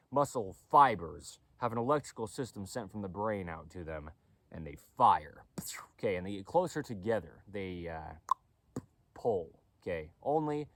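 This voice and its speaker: A man talks through how the body moves, in a casual, repetitive lecturing style and at a middling pitch. He keeps checking in with "okay?" as he goes. His voice sounds dry and close, with almost no room around it. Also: fairly bright tone, no echo. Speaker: clothing company owner explaining anatomy.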